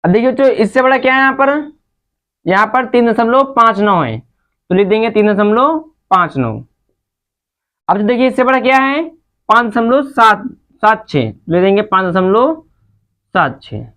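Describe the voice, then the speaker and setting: A woman's voice: fairly high pitch, expressive, normal speed, pauses often, a bit bright. A woman teaching a maths lesson to children, patient and step by step, often calling out to the kids. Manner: patient, repeatedly addresses the children.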